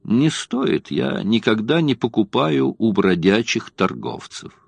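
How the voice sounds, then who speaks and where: A man's voice: on the low side, very animated, slow pace, vocal fry, breathy edge, dry recording, heavily acted. A male narrator voicing a cocky secret agent who talks in a wry, mocking way.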